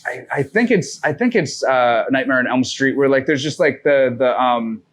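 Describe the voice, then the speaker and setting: Medium-pitched and expressive, this North Shore Massachusetts man talks at an ordinary speed. He's a guest on a podcast, chatting casually and rambling through a lengthy story, full of profanity, filler words, and sentences he starts over.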